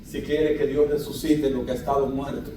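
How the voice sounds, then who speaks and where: A pastor preaching a fervent sermon, calling on the congregation to shout amen, heard from a distance in a large church. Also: male voice, medium pitch, level tone, normal speed, very echoey, background noise. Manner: fervent, calls out for amens.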